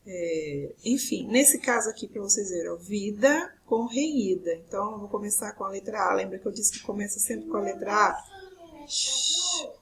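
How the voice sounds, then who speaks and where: A woman's voice: mid-range voice, animated, moderate pace, creaky, breathy edge, rough recording. A woman teacher with a Brazilian Portuguese accent, explaining a recorded video lesson step by step and often checking in with her students.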